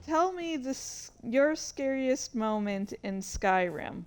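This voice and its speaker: A woman with a high, expressive, smooth voice speaks slowly as she casually tells gaming stories. She hosts a reading and gaming channel, and her delivery is rambling, informal and sweary.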